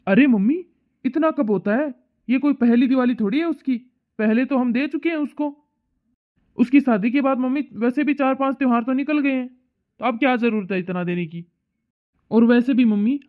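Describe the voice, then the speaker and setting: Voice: high-pitched, a little fast, lightly acted. An actor voicing a young son, tinny sound. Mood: arguing. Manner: pleading, arguing back. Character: young working man, the son, reasonable but stubborn. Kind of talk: cartoon moral story dubbing.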